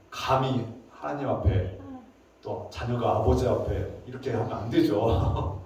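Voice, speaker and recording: A male pastor preaching a sermon in an animated, emphatic way, with the odd chuckle. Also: mid-range voice. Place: church sanctuary. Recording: echoey church hall, distant mic.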